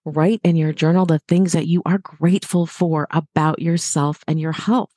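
Middle-aged woman from the US, fitness guest; low mellow voice, dry close sound, upbeat coaching tone. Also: steady tone, normal speed, dry recording. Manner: encouraging, direct to listeners. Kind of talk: motivational podcast talk.

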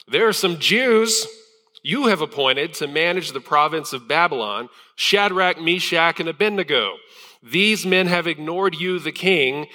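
A man's voice: on the high side, pushed and bright, voice pushed up. A man voicing scheming male court accusers who fawn on the king and accuse rivals, heard with the long reverb of a church hall. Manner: fawning, accusing.

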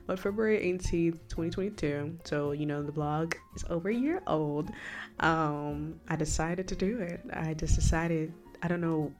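A woman with a low voice hosts a casual faith podcast, talking in a chatty, rambling way and turning often to address the listener. A slight lisp from a new retainer colors her words, and faint music plays behind her. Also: darkish tone. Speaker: podcast host.

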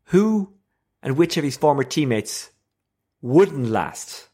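A man's voice: on the high side, very animated, slow, mellow, husky. A man with an Irish accent presenting a sports podcast conversationally, explaining with emphasis and posing his own questions.

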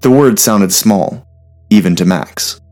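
A man narrating a story in a steady, measured reading voice. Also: on the low side, faint music behind.

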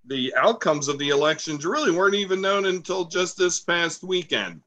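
Bright, jokey male podcast host. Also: high voice, animated, moderate pace, muffled recording. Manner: jokey, rambling, playful asides. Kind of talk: casual political chat. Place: home, recorded remotely.

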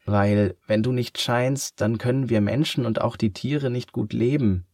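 A man's voice: mid-range voice, a little slow, a little mellow, dry recording, clean studio sound, voice pushed up. A man voicing an earnest young boy in a children's story, lifting his voice above his own. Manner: earnest, lifted voice.

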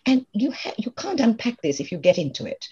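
A middle-aged woman calmly explaining advice step by step, mixing in stories from her own life. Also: on the high side, fairly quick, slightly rough, highs cut off. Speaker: guest expert on emotional intelligence. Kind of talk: conversational advice in an interview.

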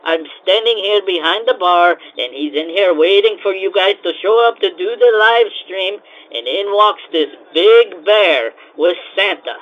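A high, flustered cocoa-house owner, as a man acts him out rants in broken grammar and circles back to the same complaints. The voice sits well above a typical man's register. The recording sounds muffled and lo-fi, as if from a home setup. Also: unhurried, few pauses. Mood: ranting. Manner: exasperated, repeats himself, broken grammar. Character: flustered male cocoa-house owner, frantic, put-upon.

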